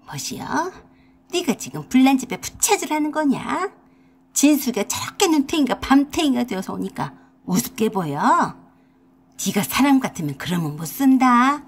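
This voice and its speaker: Woman voicing a shrill nagging old mother-in-law. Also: big pitch swings, moderate pace, husky, heavily acted. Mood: scolding. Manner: shrill nagging with rural dialect words. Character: scolding older mother-in-law, domineering and self-pitying. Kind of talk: radio drama acting.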